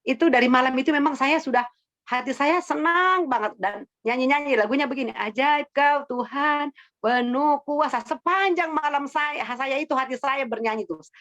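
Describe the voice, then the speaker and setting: A woman's voice: sits high, a little fast, fairly bright tone, no room sound, highs cut off. A middle-aged woman giving a devotional testimony and prayer in a conversational storytelling style, speaking directly to her listeners.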